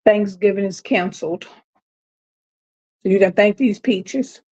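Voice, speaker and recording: Woman, home cooking vlogger, slow, dramatic grumbling, dull lo-fi sound. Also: medium pitch, noisy background. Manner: exasperated, dramatic complaining. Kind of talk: casual kitchen chat to viewers. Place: home kitchen. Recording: dull lo-fi audio.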